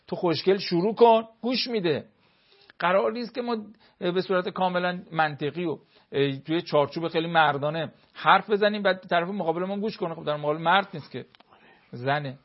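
Earnest lecturing cleric, fairly high voice. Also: male voice, highs cut off. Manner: earnest, lecturing, gives everyday examples. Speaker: cleric giving marriage advice. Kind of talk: explanatory talk on marriage.

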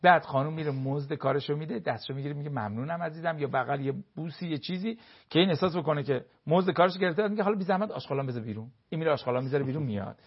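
A fairly high, husky male voice explains family communication as a counselor. He talks in a lively way and briefly acts out what spouses say to each other. The recording sounds dull and lo-fi. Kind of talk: explanatory talk with everyday examples.

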